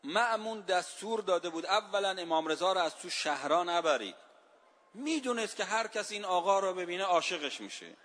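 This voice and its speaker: A man preaching a sermon, telling a story with strong feeling and drawing out the lines of verse slowly. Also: high-pitched, a bit bright. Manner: emotive storytelling, slows and stretches verse lines. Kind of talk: religious sermon.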